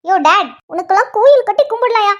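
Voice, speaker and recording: A woman voicing a lazy, sharp-tongued young daughter in a cartoon story, speaking in a high, mocking voice. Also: expressive, fast talker. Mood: mocking, cheeky.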